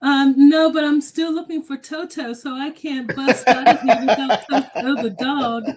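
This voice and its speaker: A woman from Pittsburgh, Pennsylvania, calls in to a livestream. Her voice is high, and she talks politely and hesitantly, often pausing with fillers. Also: fairly even intonation, a crowd in the background, rough recording. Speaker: caller. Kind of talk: casual call-in chat.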